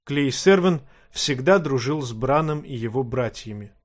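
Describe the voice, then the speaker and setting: Man reading an audiobook, steady mid voice, dry close recording. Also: medium pitch, normal speed, dry recording. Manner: steady, even storytelling. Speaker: audiobook narrator. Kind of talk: scripted narration.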